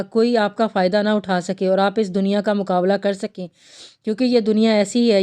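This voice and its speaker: A woman voicing a possessive, doting young man in a romantic novel read aloud, in smooth clear tones. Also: medium pitch, warm tone, close to an everyday voice. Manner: tender, then coldly possessive.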